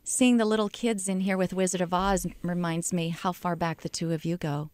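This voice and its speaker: A woman's voice: on the low side, level tone, moderate pace, a little mellow, clean tone. A middle-aged American woman speaking as a public radio host in a conversational studio interview. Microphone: studio broadcast microphone, close.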